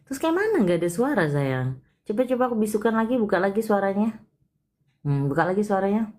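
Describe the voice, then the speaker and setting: A woman hosting a live palm-reading consultation, chatty and expressive, with frequent exclamations. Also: mid-range voice, fast talker. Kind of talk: casual live-stream reading.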